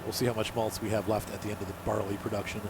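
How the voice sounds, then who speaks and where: A man's voice: on the low side, level tone, racing. Congested man with a stuffed-up nose. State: sick with allergies, nose fully plugged. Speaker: gaming channel host. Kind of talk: casual gameplay commentary. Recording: noticeable noise behind the voice.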